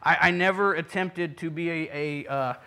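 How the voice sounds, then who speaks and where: On the high side and bright, with a forceful tone, a pastor in his thirties raised in Puerto Rico preaches at a moderate pace. Earnest, self-deprecating asides and frequent restarts run through his sermon.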